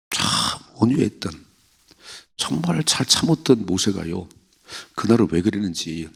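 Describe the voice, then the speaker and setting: A pastor with a low, creaky voice and a breathy edge preaches at an early morning church prayer service. He speaks conversationally and puts questions to the congregation.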